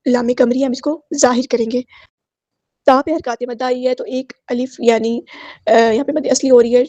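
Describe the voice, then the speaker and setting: High-voiced woman teaching Quran recitation. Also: mellow, dry recording, highs cut off. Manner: slow, deliberate chanting of verses, then patient step-by-step explanation. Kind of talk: tajweed lesson with slow recitation.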